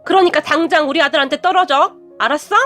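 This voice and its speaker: A woman voicing a furious, snobbish middle-aged mother who shouts with contempt. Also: sits high, quick pace, soft background music. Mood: angry, scornful.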